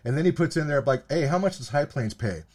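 A man's voice: fairly high pitch, expressive, fast talker, a little mellow. A man co-hosting a casual podcast chat, rambling with lots of fillers and frequent swearing.

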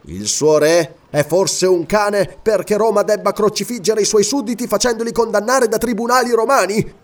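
A man's voice: high-pitched, moderate pace, voice pushed up, close to an everyday voice. A man voicing a proud, indignant barbarian king in an audiobook reading. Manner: indignant, tense.

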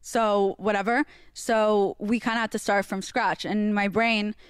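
A woman's voice: medium pitch, unhurried, clear, resonant tone, no room sound, studio quality. A woman from Israel, a Russian speaker at heart, telling stories in a casual chat with friends and laughing often. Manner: animated storytelling, laughs often.

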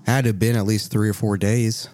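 A man's voice: lowish voice, level tone, brisk, darkish tone, lightly acted. A man voicing a folksy male shopkeeper with a put-on Southern accent, in a tabletop game.

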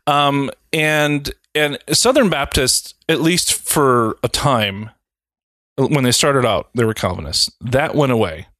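A man's voice: mid-range voice, animated, slow, a bit bright, dry recording, clean studio sound. A man in his thirties from Wisconsin, co-hosting a podcast in casual, rambling chat with self-deprecating jokes. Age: 30s. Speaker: podcast co-host.

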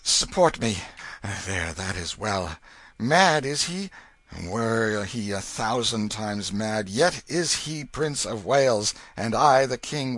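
A dying old king, played by a man thunders his commands in raised, loud, archaic speech. His pitch swings widely and the tone is bright, in a dry recording. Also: no room sound. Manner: archaic, imperious declamation.

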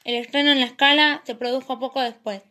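A woman hosting a podcast, reading a history narration in a steady way and signing off warmly at the end. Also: high-pitched, a little fast. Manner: steady reading with a warm sign-off. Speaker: podcast host. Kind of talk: read-aloud history narration.

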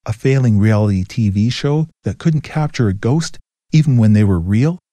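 A man giving a scripted, steady story narration. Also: fairly low pitch, normal speed, no room sound.

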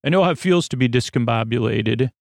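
A man hosting a sleep podcast, talking in a slow, creaky, rambling bedtime monologue full of stumbles and self-mocking tangents. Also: mid-range voice, expressive, darkish tone, no room sound, clean studio sound.

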